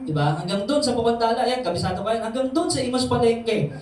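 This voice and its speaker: Preacher in a very echoey church hall. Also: male voice, very high voice, fast, darkish tone. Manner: conversational, keeps asking the congregation questions. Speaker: pastor. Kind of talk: sermon. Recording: very echoey hall, distant mic, faint noise.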